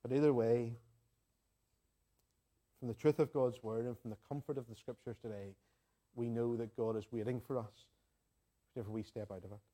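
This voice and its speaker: A man's voice: medium pitch, steady tone, moderate pace, long pauses, warm tone. A man with an Ulster accent from Northern Ireland preaching a sermon in an earnest, conversational manner, repeating phrases for emphasis. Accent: Northern Irish, Ulster. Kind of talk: sermon to a congregation, with homely anecdotes and prayer.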